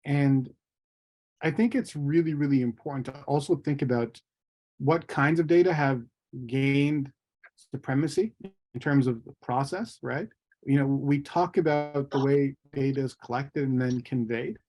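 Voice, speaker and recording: A man from Somalia talks through a video call in an online panel. He is thoughtful and circles back on his words as he begins each point. His voice sits at an ordinary middle pitch. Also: a little slow, darkish tone. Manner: thoughtful, repeats words when starting a point.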